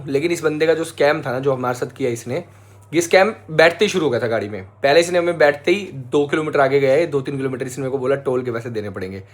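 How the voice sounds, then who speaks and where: Animated young man vlogging. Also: fairly high pitch. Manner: animated storytelling, addresses viewers as guys. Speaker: travel vlogger. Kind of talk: casual travel vlog chat.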